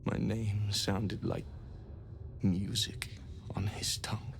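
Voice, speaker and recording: Gravelly, whispering, starving captive. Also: low-pitched, steady tone, full character voice. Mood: haunted, bitter. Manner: slow, halting, weary. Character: starving, broken, captive vampire victim pleading weakly. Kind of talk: video game character acting.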